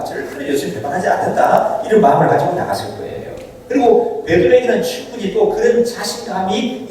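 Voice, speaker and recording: A man's voice: fairly high pitch, a little mellow, slight background noise. A male pastor preaching a sermon, telling the story dramatically and asking the congregation rhetorical questions. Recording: echoey church hall from far off.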